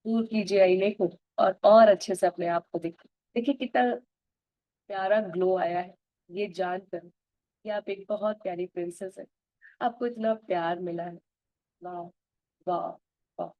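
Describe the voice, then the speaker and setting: A woman leading a self-affirmation practice, speaking Hindi mixed with English and slowly repeating loving phrases to herself. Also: mid-range voice, steady tone, dry recording, dull audio.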